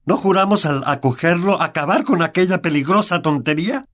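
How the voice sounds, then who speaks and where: A man's voice: high-pitched, a little fast, fairly bright tone, pitched above the performer's own voice. A man with a Latin American Spanish accent voicing a blustering, bad-tempered middle-aged uncle in an audiobook. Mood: agitated. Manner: barking, curt and bullying. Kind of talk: audiobook character voice.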